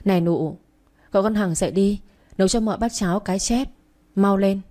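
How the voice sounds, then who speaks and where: A woman's voice: medium pitch, a little fast, warm tone, close to an everyday voice. A woman voicing a commanding elder mistress of a household who barks orders, in a storybook reading. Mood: bossy. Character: bossy elder mistress of the house, sharp-tongued.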